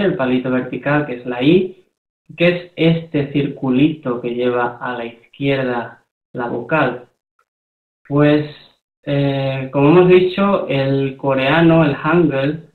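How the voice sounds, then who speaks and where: A man teaching a language lesson, explaining things step by step and often checking that his students follow. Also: mid-range voice. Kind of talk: slow, patient classroom explanation. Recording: echoey room over a thin phone-like line.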